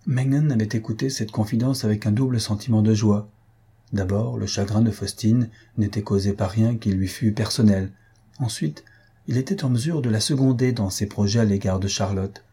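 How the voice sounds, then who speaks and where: A man narrating a nineteenth-century novel as an audiobook, measured and expressive. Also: fairly low pitch, breathy edge. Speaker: audiobook reader.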